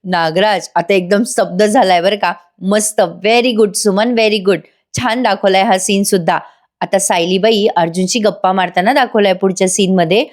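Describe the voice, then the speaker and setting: A woman's voice: mid-range voice, moderate pace. Chatty woman recapping a TV episode. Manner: chatty, addresses viewers directly. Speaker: TV serial reviewer.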